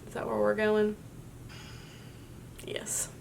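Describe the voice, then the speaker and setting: A woman's voice: mid-range voice, monotone, takes it slowly, creaky, heavy background noise. A young woman vlogger chatting candidly as she does her makeup, telling a wild story and swearing freely. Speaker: beauty vlogger. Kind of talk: casual makeup tutorial with storytelling.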